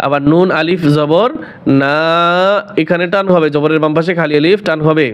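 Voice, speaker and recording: A man's voice: on the high side, fairly even intonation, moderate pace, smooth. A man teaching Quran recitation in a tajweed lesson with a Bangladeshi Bengali accent, patiently breaking words into letters and repeating each phrase. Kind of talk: tajweed lesson, explaining then reciting slowly. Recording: slightly dull lo-fi audio.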